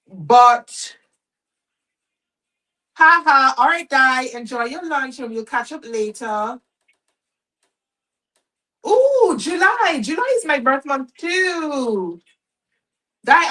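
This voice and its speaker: A woman in her thirties chatting to her viewers as she sews, expressive and talkative, slipping into exasperated quoted speech. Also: a little high, recorded from a distance, rough recording. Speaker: sewing vlogger. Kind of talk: casual chat while sewing, reading viewer comments.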